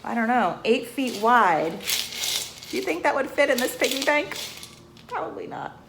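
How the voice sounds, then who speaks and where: At a moderate pace, a bank employee with a fairly high voice reads rhymed verse from a picture book to children, expressive throughout and adding questions and asides for the listeners. The room is echoey, and slight noise sits behind her.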